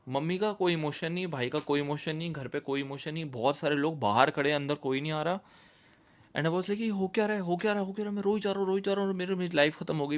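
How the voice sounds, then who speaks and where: Young man telling a personal story emotionally. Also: a little high. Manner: emotional, swings from soft to loud; mixes Hindi with English phrases. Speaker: video host.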